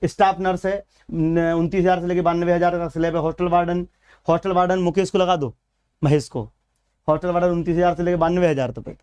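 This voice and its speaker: Male coaching teacher, Madhya Pradesh Hindi accent, high, clean voice, chatty live-class delivery. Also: flat delivery, brisk, darkish tone, smooth. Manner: chatty, addresses viewers as beta and bhaiya. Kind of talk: live exam-prep class.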